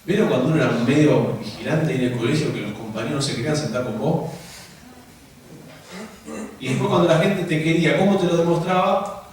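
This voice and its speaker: An Argentine pastor with a Rioplatense Spanish accent gives a conversational sermon to church leaders, asking many rhetorical questions. His fairly high, slightly mellow voice runs a little fast with long pauses. The church hall recording is very echoey, distant, and faintly noisy.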